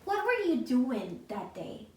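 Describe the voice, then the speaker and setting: A woman's voice: on the high side, big pitch swings, slow, a little mellow. A woman playing a cocky young prosecutor. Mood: confident. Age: young adult. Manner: boastful, brash. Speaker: prosecutor in a mock trial. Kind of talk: amateur courtroom role-play. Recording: roomy echo.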